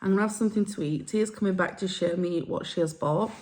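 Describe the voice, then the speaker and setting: A woman's voice: on the low side, fast talker, darkish tone, slight background noise. Chatty woman vlogging. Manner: chatty, frank and self-deprecating. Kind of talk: casual vlog chat.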